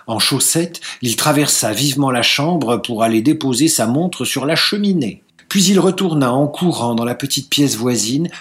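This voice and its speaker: A man reading a classic novel aloud, measured and unhurried. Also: on the high side. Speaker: reader.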